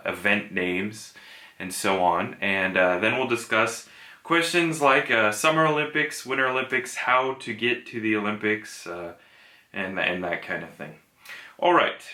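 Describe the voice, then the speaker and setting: A man gives an online language lesson in a bright, clear voice. He explains patiently, leans on "uh" between thoughts, and stretches out the sounds he wants learners to copy. The room around him is echoey. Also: fairly low pitch. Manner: explains patiently, many "uh" fillers, repeats key sounds slowly. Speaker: Korean language teacher.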